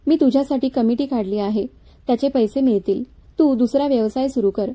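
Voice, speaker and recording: A woman voicing a patient pregnant young wife who speaks softly and with restraint in a spoken story. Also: a little high, brisk, lightly acted. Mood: encouraging.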